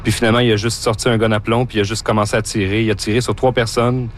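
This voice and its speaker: A teenage student with a Québécois accent, recounting events through a voice changer that pitches the voice down to hide their identity. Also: little pitch movement, quick pace, a little hiss or hum. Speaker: student witness.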